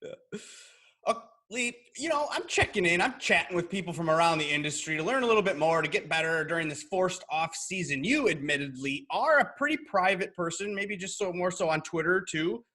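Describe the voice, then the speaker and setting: A man's voice: sits high, lively intonation, a little fast, sharp tone. A man hosting a podcast from his home garage, chatting in an upbeat, jokey way over a video call. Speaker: podcast host. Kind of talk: casual interview chat.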